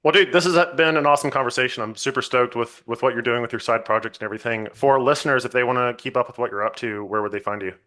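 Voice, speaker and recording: Bright-voiced thoughtful male podcast host. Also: medium pitch, fast, hardly any pauses. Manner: reflective, thoughtful, laid-back. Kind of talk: casual conversation.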